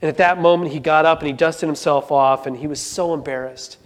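A man's voice: on the high side, fairly even intonation, fairly quick, soft background music. A man telling a story to an audience in an earnest way, often restarting and repeating words. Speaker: speaker. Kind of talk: storytelling talk.

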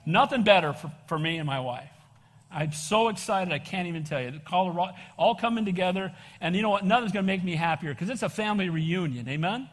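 A man's voice: high voice, lively intonation, fast, a bit bright. An older American man preaching an evangelical sermon as a pastor, exhorting his congregation with conversational asides and frequent calls for amens. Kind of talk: evangelical sermon, expository Bible teaching. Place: large church room, preaching to congregation. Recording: echoey hall with long reverb.

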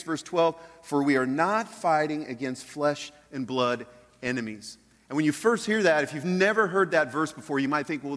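A man's voice: on the high side, fairly bright tone. Man preaching in a reverberant hall. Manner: rhetorical questions, repeats phrases for emphasis. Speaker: pastor. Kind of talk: conversational church sermon to a congregation. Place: large church hall, speaking live.

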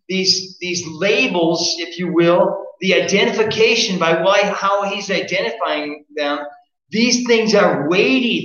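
A man's voice: high-pitched, fairly bright tone. A man preaching a sermon, earnest and direct, asking his listeners pointed questions. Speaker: pastor. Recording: echoey muffled room recording.

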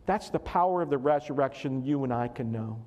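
A man's voice: mid-range voice, lively intonation, fairly quick, darkish tone, muffled recording. A man preaching a sermon to his congregation as pastor, earnest and fond of repeating phrases for emphasis. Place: church sanctuary. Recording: long hall reverb.

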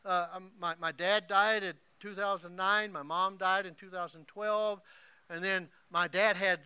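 Preacher guy from oklahoma, high bright voice, dry close sound, goes soft then loud. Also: steady tone, unhurried, clean tone, no echo. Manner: emotional storytelling, swings from hushed to loud. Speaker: pastor. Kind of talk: sermon.

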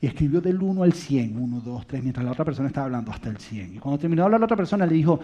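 A man in his thirties or forties preaching a sermon, telling family stories in an animated way and dropping to a soft, quiet voice to stress a point. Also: medium pitch, very fast. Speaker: pastor. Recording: dull lo-fi recording.

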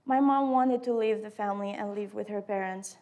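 A woman's voice: mid-range voice, fairly quick, a little mellow. A woman in her early twenties with an Albanian accent, a non-native English speaker reading her personal testimony aloud. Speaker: student sharing testimony.

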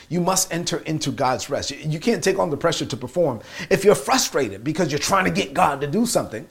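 Gravelly Brooklyn-accented male preacher. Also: on the high side. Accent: Brooklyn New York. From Brooklyn, New York. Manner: emphatic, repeats key phrases and rhymes. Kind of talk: motivational sermon.

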